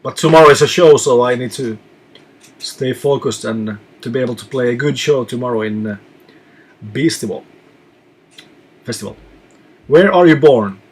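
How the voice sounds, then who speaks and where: A man from Finland who reads out viewer questions and answers them in a relaxed live chat as a touring musician. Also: mid-range voice, normal speed, long pauses, slightly rough.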